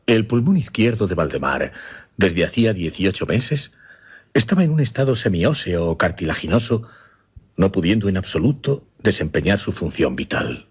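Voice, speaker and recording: A radio drama actor gives a low, breathy, very animated full character voice to a grave gentleman hypnotist relating his macabre experiment. The tone is grave and formal, paced deliberately with dramatic pauses, and the slightly muffled recording is lo-fi.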